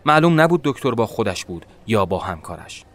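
A man narrating a first-person story in a measured, dramatic storytelling manner. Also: fairly low pitch, sing-song, fairly bright tone.

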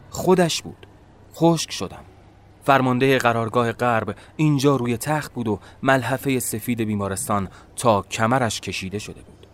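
A man narrating a first-person story in a measured, dramatic storytelling manner. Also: mid-range voice, fairly bright tone.

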